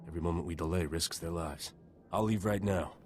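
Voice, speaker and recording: A resolute male soldier hero played by a game actor speaks gravely and with assurance. His voice is very deep, over faint music. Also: fairly quick, darkish tone, lightly acted. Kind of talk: video game voice acting.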